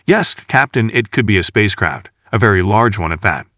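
A man reading the part of a male station chief scientist in an audiobook, explaining things in a calm, measured way. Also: fairly low pitch, dry recording, clean studio sound.

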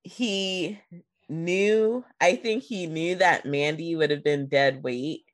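A woman with a lowish voice talks through a film in an unhurried, casual way. She retells scenes with a laugh and slips into quick impressions of the characters. Her voice sounds close and dry. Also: no echo. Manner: animated retelling, acting out quotes with laughs. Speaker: podcast co-host. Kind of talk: casual movie review chat.

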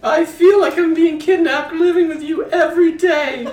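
A woman's voice: very high-pitched, steady tone, moderate pace, a little mellow. A woman playing a doddering elderly wife in an improvised comedy scene, with a fluttery, scolding and giggly manner. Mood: fussing. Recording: roomy stage sound.

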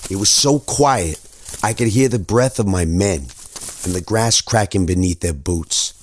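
A man as a haunted young soldier. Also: on the low side. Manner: earnest, halting with stammered repeats. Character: young male soldier recalling war, haunted. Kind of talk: first-person dramatic story narration.

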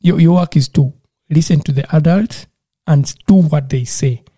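This Ugandan man speaks earnestly in a relaxed interview, hesitating a little and restarting with repeated words. The sound is close and dry with no room echo, and his very dark, mellow voice sits on the high side with a breathy edge.

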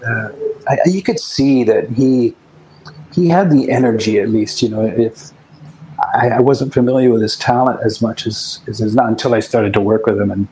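A man's voice: medium pitch, normal speed, warm tone, slight background noise, low-quality recording. A man, a guest musician, telling rambling anecdotes in a casual interview, often restarting his sentences.

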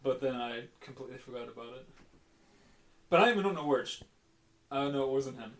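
A man's voice: medium pitch, expressive, quick pace, echoey room. A man hosting a casual podcast chat, teasing his co-hosts and laughing often. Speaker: podcast host.

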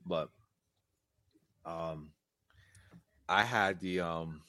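A podcast host bantering casually, animated and full of slang, laughing often. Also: male voice, deep voice, extremely slow, no room sound. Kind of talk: casual chat.

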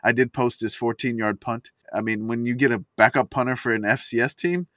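A man's voice: mid-range voice, fairly quick, fairly bright tone, dry recording. A man hosting a casual sports chat podcast from inside a closet, rambling and chatty with plenty of fillers. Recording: dry, close sound from a closet.

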